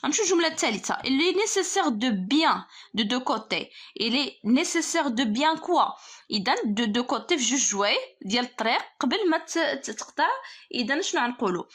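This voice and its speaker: A woman teacher speaks with a Moroccan Arabic accent and a fairly high voice. She works through an exam correction step by step, slowing down to read each French prompt before explaining it. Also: a bit bright, breathy edge.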